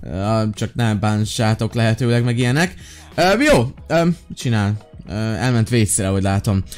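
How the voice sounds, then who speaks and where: A man playing a flustered kindergarten teacher in a game while commenting, excitable and prone to frantic, repeated pleading. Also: lowish voice, clean tone, soft background music. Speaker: gaming YouTuber. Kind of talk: Minecraft role-play commentary.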